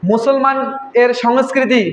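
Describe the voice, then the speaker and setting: A man preaching an impassioned, fiery sermon, shouting warnings to his listeners. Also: extremely high pitch, fairly even intonation, measured pace. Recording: echoey, dull, slightly noisy sound.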